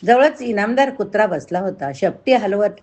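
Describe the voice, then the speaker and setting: A woman narrating a story in a measured, expressive storytelling voice. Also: medium pitch. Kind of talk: dramatic story reading.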